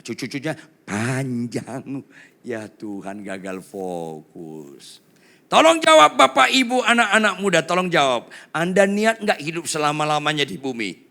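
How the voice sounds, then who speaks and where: A male pastor preaching a lively sermon, swinging between loud cries and hushed asides while urging the congregation to answer louder. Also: a little high, unhurried, vocal fry. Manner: quizzes the congregation and urges them to answer louder.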